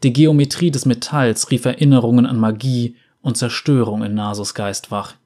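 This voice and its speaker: A male narrator reads a dark fantasy tale. His voice is mid-pitched and measured, with a dramatic storytelling delivery. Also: fairly even intonation.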